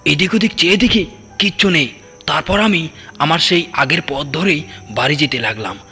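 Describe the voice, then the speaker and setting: Telling a scripted ghost story in the first person with dramatic flair, a man speaks at normal speed in a slightly high voice that sounds pushed and bright. The recording carries long cavernous reverb with background music underneath.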